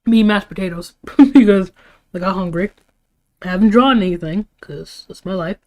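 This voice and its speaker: The woman streaming live has a medium-pitched, somewhat dark voice and speaks at normal speed. Sounding tired, she rambles through her views informally, cursing casually at times.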